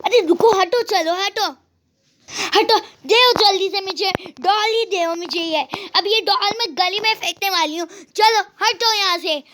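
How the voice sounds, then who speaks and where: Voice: very high voice, measured pace, noisy background. A girl voicing a stern, fussing mother who scolds her quarrelling daughters in a toy life-sim game role-play. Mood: scolding. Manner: bossy, fussing.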